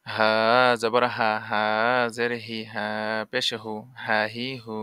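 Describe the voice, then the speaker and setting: Bright, clear man drilling letter sounds. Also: on the low side, monotone, slow, dry recording, clean studio sound. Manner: patient, repeats sounds drill-style. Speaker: Arabic letters teacher. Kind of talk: Quran reading lesson.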